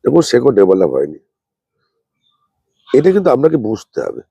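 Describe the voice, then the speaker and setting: Guy showing his plants, talks slow and repeats himself, swoopy pitch, dry close sound, says he's unwell. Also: wildly swooping pitch, vocal fry, dark tone, husky, no room sound, lo-fi sound. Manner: speaks slowly and plainly, repeating points. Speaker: rooftop gardening channel host. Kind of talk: hands-on gardening demonstration.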